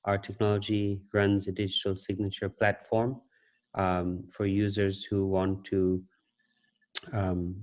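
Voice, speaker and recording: A man introducing himself and his company at an online meeting, speaking in a halting way with many fillers over a video call. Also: low voice, level tone, a little mellow.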